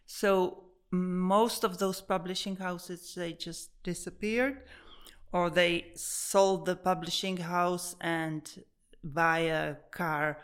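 Woman, native Czech speaker, unhurried and clear-voiced, halting non-native English with restarts, interviewed in her studio. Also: fairly low pitch, fairly even intonation. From Czech Republic. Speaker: painter. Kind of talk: casual interview.

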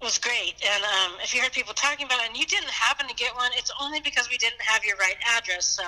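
A woman's voice: on the high side, fast, bright, forceful tone. A woman hosting a church podcast in casual chat, with a reverberant echo on the recording.

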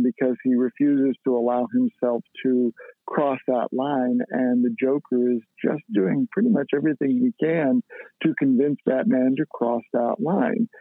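A man's voice: mid-range voice, vocal fry, no echo. A man co-hosting a casual podcast, explaining things at length in a thoughtful way with many fillers. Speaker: podcast co-host. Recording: tinny phone-like line.

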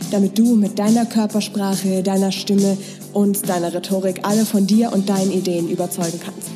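A woman's voice: mid-range voice, steady tone, normal speed. Woman announcing a podcast intro over music.

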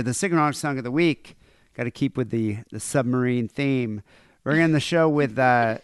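Male podcast host, smooth clear voice, dry close mic, easygoing and rambling. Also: medium pitch, no echo. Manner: laid-back, rambling with fillers. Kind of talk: casual podcast chat.

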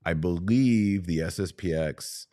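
As a podcast guest, a man with an extremely low, deep and mellow voice talks conversationally. He is earnest and deliberate, frequently restarting as he works his way through a point.

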